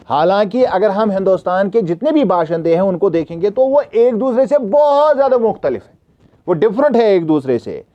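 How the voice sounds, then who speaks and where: High-voiced teacher, dull audio. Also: male voice. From Kashmir. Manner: checks understanding often, reads English questions slowly. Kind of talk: classroom revision lesson.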